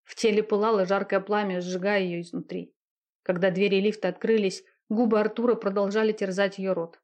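A woman's voice: medium pitch, little pitch movement, a little fast, darkish tone. Woman narrating a romance novel. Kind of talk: reading a romance novel aloud.

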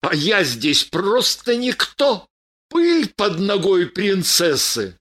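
A woman's voice: mid-range voice, big pitch swings, takes it slowly, a bit bright, heavily acted. Woman voicing a gloomy young warrior. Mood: sullen. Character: bitter young warrior man, gloomy and confused.

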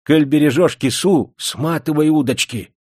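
A man's voice: on the high side, dry recording, voice pushed up, close to an everyday voice. A man voicing a frightened village elder who calls out in a hurry. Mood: urgent. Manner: hurried, loud calls. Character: frightened village coach-station elder, urgent.

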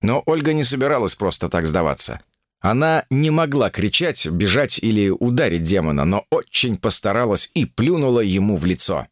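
A man narrating an audiobook in an expressive, storytelling manner. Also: lowish voice, normal speed, no room sound, clean studio sound.

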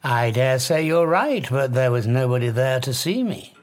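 An actor with a British accent playing a proud, haunted fugitive scientist, theatrical and formal, in an audio drama. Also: male voice, medium pitch, expressive, moderate pace, close to an everyday voice. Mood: relishing, proud.

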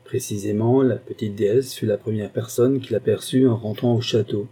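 Dark, husky male audiobook narrator. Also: on the low side, steady tone, moderate pace. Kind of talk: scripted narration.

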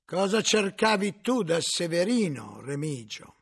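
A man voicing a stern, coldly paternal inquisitor who speaks slowly and solemnly. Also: high voice, very animated, slightly rough, voice pushed up, heavily acted. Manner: slow, measured, solemn.

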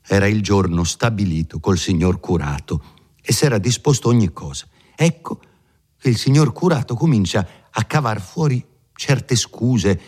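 A man's voice: low-pitched, darkish tone. A man voicing an earnest young peasant. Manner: pleading, insistent. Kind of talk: audiobook reading.

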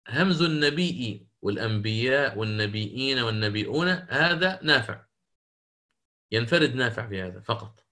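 Guy teaching recitation, quizzes his students, fixes their answers, bright clear voice. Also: medium pitch. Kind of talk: interactive lesson.

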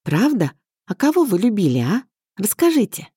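A woman reading an audiobook, voicing a stubborn, teasing young woman who is quick to argue. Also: mid-range voice, sing-song, warm tone, husky, no echo, clean studio sound, voice pushed up. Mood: playful. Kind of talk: audiobook character voice.

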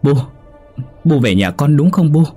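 A man's voice: on the low side, normal speed, husky. A man voicing a frightened middle-aged woman in a horror story, stammering and trembling. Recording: soft background music.

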